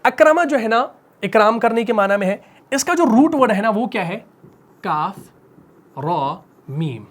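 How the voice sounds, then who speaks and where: A male teacher explaining a rule slowly and patiently. He keeps circling back with rhetorical questions and repeats each point. He sinks to a soft, drawn-out whisper to stress key terms. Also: extremely high pitch, lively intonation. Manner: repetitive, asks rhetorical questions; drops to a slow whisper on key words. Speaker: Quran recitation teacher. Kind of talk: classroom-style lesson.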